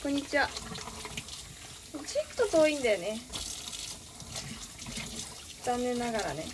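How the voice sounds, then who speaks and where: A woman's voice: on the high side, expressive, a little slow, background noise. A young woman from Nagano, chatting casually on a livestream, thinking aloud and greeting viewers often. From Nagano, Japan. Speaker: livestreaming idol.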